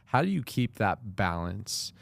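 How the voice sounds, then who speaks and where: A man's voice: on the low side, very animated, unhurried, vocal fry, dry recording. A man hosting a podcast, affirming his guest and calling him dude. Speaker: podcast host. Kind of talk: casual interview.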